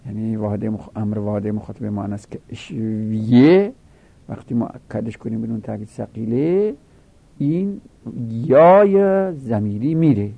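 A man's voice: lowish voice, vocal fry, no room sound, highs cut off. A middle-aged man teaching a grammar lesson, reciting word forms in rhythmic drills and rising with emphasis on key points.

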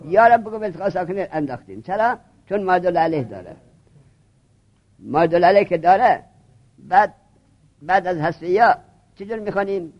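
High-voiced man drilling students. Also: animated, long pauses, lo-fi sound. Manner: drilling, repeats questions, prods students. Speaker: teacher. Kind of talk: Arabic grammar lesson, questioning students.

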